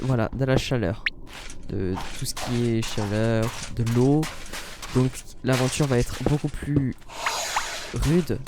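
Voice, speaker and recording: A man's voice: mid-range voice, noisy background. A man hosting a casual let's-play, rambling in self-interrupting, jokey asides as he comments on his game. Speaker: gaming channel host.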